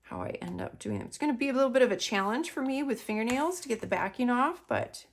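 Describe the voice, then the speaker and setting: A woman's voice: a little high, expressive, quick pace. A woman hosting a crafting kit unboxing, chatting enthusiastically with self-deprecating asides. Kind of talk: product unboxing chat.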